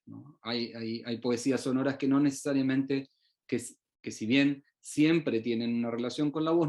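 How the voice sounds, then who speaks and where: A middle-aged man, born in Uruguay and raised in Chile, gives an online research presentation, halting often with fillers and restarts. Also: mid-range voice, a little mellow. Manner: hesitant, many fillers and restarts. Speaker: researcher presenting his work.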